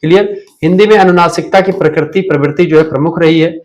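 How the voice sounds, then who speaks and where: A man's voice: on the high side, quick pace, a little mellow. A young Indian man teaching a live online revision class, asking questions and answering them himself.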